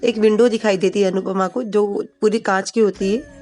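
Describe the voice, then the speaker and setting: Her tone is somewhat dark, her pitch mid-range, and her intonation fairly even at a moderate pace. She's a storyteller giving a casual spoken recap of a TV serial episode, delivering characters' quoted lines plainly rather than dramatizing them.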